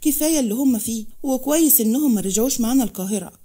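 A woman's voice: on the high side, racing, mellow, close to an everyday voice. A woman voicing an urgent young man friend. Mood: worried. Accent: Egyptian Arabic. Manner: urgent, questioning.

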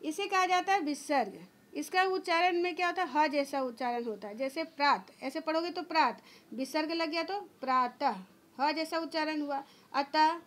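A woman's voice: extremely high pitch, fairly bright tone. A woman school teacher giving an online grammar lesson to children, patiently explaining step by step and answering her own questions. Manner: drawn-out demonstration sounds.

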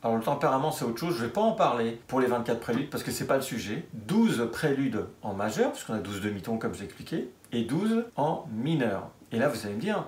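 A man's voice: medium pitch, echoey room. A man giving a music theory lesson as a piano teacher, explaining step by step and asking and answering his own questions. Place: room with a piano.

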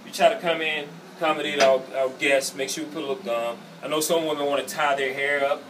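Speaking quickly in a fairly high, steady voice, a middle-aged Southern American shows off his gym on a laid-back tour full of upbeat, bragging sales talk. The sound comes from a handheld camera trailing him, so it's distant and echoey, with gym music and background noise.

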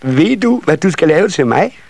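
A man reading a children's story and voicing a bunch of excited little elf children in a shrill, eager voice. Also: vocal fry, heavily acted. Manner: shrill, eager, tumbling over each other.

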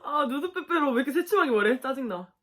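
Lively young woman reacting aloud. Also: sits high, quick pace. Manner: animated, exclaiming and laughing at the screen. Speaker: reaction video host. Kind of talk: casual reaction commentary.

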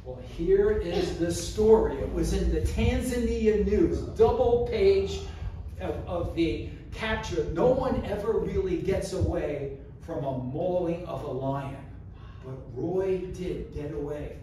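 A man giving an animated storytelling speech, acting out the scenes as he talks in a community hall. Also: high voice, takes it slowly, a little hiss or hum. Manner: animated, acts out scenes with gestures. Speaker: public speaker. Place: community hall, indoors, large room. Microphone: far camera, no mic. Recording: echoey hall from far off.

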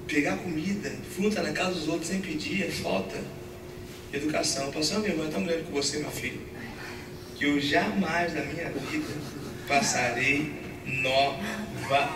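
A man from Brazil, a pastor preaching a sermon, animated and laughing as he acts out family stories. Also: a little high, normal speed. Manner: animated storyteller acting out family scenes, laughing often. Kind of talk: sermon with storytelling. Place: church hall. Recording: echoey church hall from far off, noisy.

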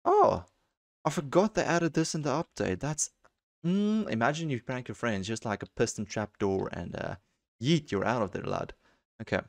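A young man giving excitable let's-play commentary on a video game, jumping into high squeals when something thrills him. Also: normal speed, gravelly, dry recording. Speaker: gaming channel host.

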